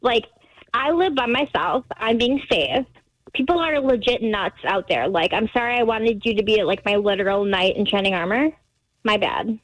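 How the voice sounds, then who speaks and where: A woman's voice: mid-range voice, animated, moderate pace, no echo, low-quality recording. A woman on a radio call-in, defensive and talkative, filling her speech with "like". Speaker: caller. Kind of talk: phone call on a radio show.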